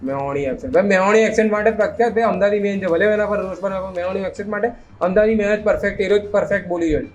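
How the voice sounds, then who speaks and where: High-voiced sarcastic man ranting. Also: racing. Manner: mixes English phrases into his talk. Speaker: meme reaction host. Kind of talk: casual reaction commentary.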